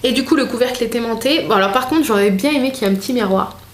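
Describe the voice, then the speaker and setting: A woman's voice: on the high side, rapid-fire, background noise. A young woman chatting casually to camera in a makeup vlog at home, talking with many fillers and restarts. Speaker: beauty vlogger. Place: home room with a desk.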